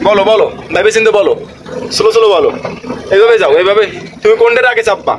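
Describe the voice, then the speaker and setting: A man with a very high voice plays a bossy driving instructor, talking fast and repeating his orders. He scolds steadily from the passenger seat, and road noise is clear behind him. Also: lively intonation. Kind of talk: comic driving lesson skit. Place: in a moving car.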